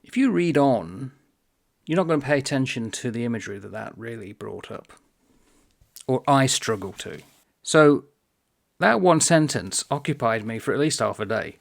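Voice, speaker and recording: A middle-aged man talking about books in a thoughtful, unhurried way, pausing often as he muses aloud. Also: medium pitch, animated, creaky. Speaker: book vlogger. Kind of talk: reflective book vlog talk.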